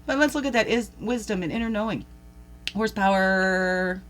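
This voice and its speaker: A woman's voice: mid-range voice, moderate pace. A woman hosting a daily spiritual reflection, talking loosely, laughing at herself and asking the listener many questions. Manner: rambling, warm-hearted, laughs at herself, asks the listener questions. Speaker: host of a daily reflection show. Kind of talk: casual spiritual reflection talk.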